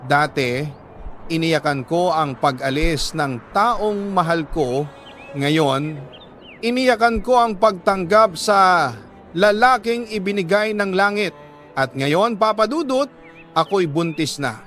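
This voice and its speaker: A radio storyteller with a Filipino accent reads a sentimental letter, measured, heartfelt and dramatic, with deliberate pauses between phrases. His voice is high-pitched, expressive and a bit bright, with faint music behind.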